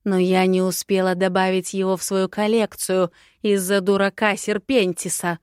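A woman voicing a scheming, cruel witch who taunts in drawn-out, sing-song phrases. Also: medium pitch, level tone, a little mellow, clean tone, no room sound, studio quality, lightly acted. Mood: mocking. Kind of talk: audiobook character voice.

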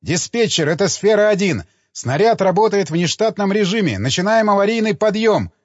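A man's voice: sits high, lively intonation, normal speed, dry recording, pitched above the performer's own voice. A man reading an audiobook, voicing a short-tempered male helmsman who barks impatient orders, in a slightly muffled dry recording. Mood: urgent shouting.

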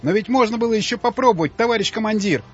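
A man voicing a hysterical male officer who shouts in panic. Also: lively intonation, fast. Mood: furious. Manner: shrill, yelling. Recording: slightly dull audiobook audio, faint music.

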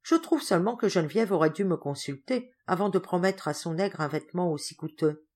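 A stern middle-aged uncle, put on by a woman reader, speaks in a formal, reproving manner. The voice sits lowish yet moves with lively inflection, in a storybook reading. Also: fairly quick.

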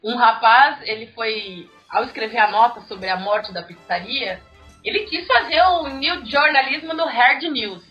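Brazilian woman, high bright voice, animated anecdote teller, muffled with soft music. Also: measured pace. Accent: Brazilian Portuguese. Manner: animated, acts out dialogue with sharp pitch jumps. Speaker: newsroom radio monitor. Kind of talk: casual anecdote telling. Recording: muffled audio with faint music.

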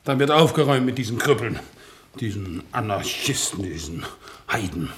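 An actor playing a crippled, devout war veteran on crutches who speaks in an earnest, excitable, stiffly dutiful way, in a 1960s radio drama. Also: male voice, on the low side, moderate pace, background noise, natural voice. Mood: zealous.

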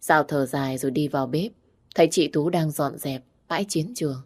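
A woman narrating a story in a plain, even storytelling manner. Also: low-pitched, a little fast, husky. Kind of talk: storybook narration of a romance novel.

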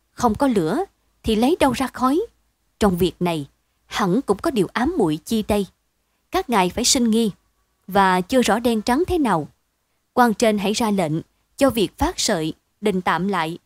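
A woman reading a story aloud in a steady, expressive bedtime storytelling manner. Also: medium pitch, no room sound. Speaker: narrator.

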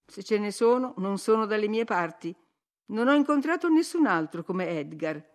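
A woman's voice: medium pitch, lively intonation, moderate pace, lightly acted. A woman voicing an impetuous, willful young woman who speaks in an emphatic, insistent way. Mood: sulky.

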